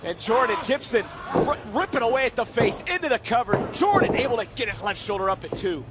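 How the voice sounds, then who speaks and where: Male wrestling commentator, high-pitched play-by-play, excitable calls, loud noise of a live event behind him. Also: brisk. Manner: excitable, exclamatory calls of the action. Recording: noisy live outdoor event.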